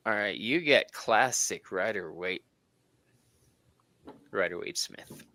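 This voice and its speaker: A man's voice: fairly low pitch, lively intonation, slow pace, pushed and bright. A man hosting a casual tarot reading stream, bantering in a giggly, self-mocking way. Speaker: tarot reader and stream host.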